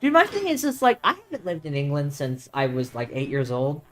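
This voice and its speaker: A man's voice: fairly high pitch, huge pitch swings, a little fast, a bit bright. A man co-hosting a casual podcast chat, joking and rambling with frequent laughs. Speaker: podcast co-host.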